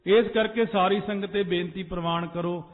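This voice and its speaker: A man with a high voice preaches a Sikh sermon to a gathered congregation. He drifts into a sing-song chant and then presses his points with sudden force. The sound is tinny and narrow, as if through a phone, and it rings with a long hall echo. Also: fairly even intonation, moderate pace. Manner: preaching in a sing-song cadence, rising to urgent emphasis. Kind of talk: sermon with sung phrases. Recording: echoey hall over a tinny phone-like line.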